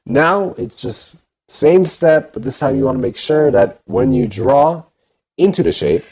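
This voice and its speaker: A man's voice: fairly high pitch, animated, a little slow, darkish tone, husky. A man talking through a voice changer, giving a casual step-by-step game tutorial. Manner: plain instructing with filler "you know".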